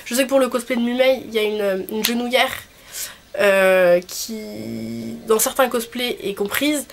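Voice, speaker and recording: Young female vlogger, fairly high honking voice, nasally congested from a cold, informal and rambling, audible background noise. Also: a little slow. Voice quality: nasal, honking voice from a blocked nose. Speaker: cosplay vlogger. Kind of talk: casual video chat. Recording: clearly noisy background.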